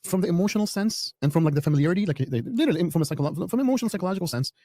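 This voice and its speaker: Man, imam interviewee; emphatic, rushed, stumbling restarts, dry close sound. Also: sits high, lively intonation, mellow, no echo. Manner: emphatic, repeats words when starting sentences. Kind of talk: podcast interview answers.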